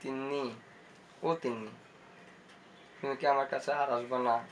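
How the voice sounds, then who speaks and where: A man plays a lovesick young man who cannot speak his heart. His speech is bright and tense, pitched a little high, and he talks in dreamy murmurs. A faint hiss sits under the recording. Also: animated, brisk. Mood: dreamy longing. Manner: dreamy murmuring, then flustered and shouting. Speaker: lead character. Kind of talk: comic short-film acting.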